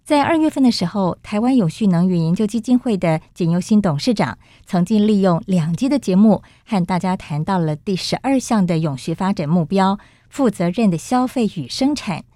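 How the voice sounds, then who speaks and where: A woman's voice: mid-range voice, lively intonation, normal speed, few pauses, warm tone, no echo. A Taiwanese woman hosting a radio program in a studio, her voice slightly muffled as she speaks through a face mask. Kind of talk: scripted radio introduction and interview hosting.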